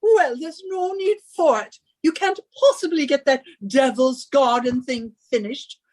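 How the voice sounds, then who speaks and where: A woman plays a bossy, henpecking British wife in a radio suspense drama, shrill and imperious as she nags and scolds with theatrical emphasis. Her voice is high with a darkish tone, and she speaks a little slowly.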